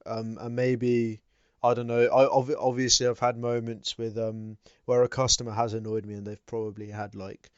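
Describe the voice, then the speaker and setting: A young man with a smooth, clear voice co-hosts a podcast, picking his way through his thoughts with ums and pauses. The recording is dry and slightly dull and lo-fi. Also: medium pitch, little pitch movement, dry recording. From United Kingdom. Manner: hesitant, full of ums and pauses. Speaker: podcast co-host. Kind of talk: casual chat. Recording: dull, lo-fi mic.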